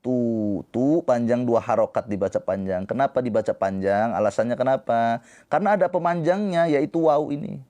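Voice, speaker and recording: A man teaching tajwid on a live stream, explaining slowly and patiently and breaking into drawn-out chanted recitation. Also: mid-range voice, mellow. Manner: talks to viewers in the comments.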